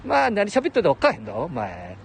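His pitch swoops wildly as this older man, in his seventies, talks quickly on a solo livestream in a Nagoya-area dialect. The voice is a little high with vocal fry, and he chuckles, rambles, and talks to himself. A faint hiss or hum runs underneath.

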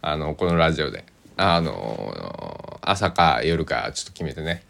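A man with a deep voice and a Kochi accent hosts a casual solo radio show. He rambles at an easy pace, pausing often and trailing into soft asides. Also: sing-song, vocal fry. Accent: Kochi (Tosa) Japanese. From Kochi, Japan. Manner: rambling, unhurried, many hesitations and soft asides. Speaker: podcast host.

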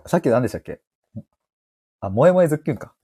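A man's voice: medium pitch, very animated, quick pace, dark tone, slight background noise. Giggly male live-stream host. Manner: playful and giggly, laughs often and teases himself. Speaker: podcast host. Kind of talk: live stream chat reading listener comments.

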